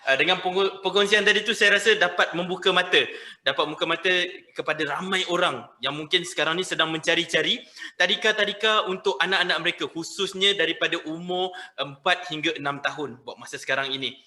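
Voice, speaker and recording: A man moderating a conference question-and-answer session, polite and halting as he puts his questions together. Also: high-pitched, pushed and bright.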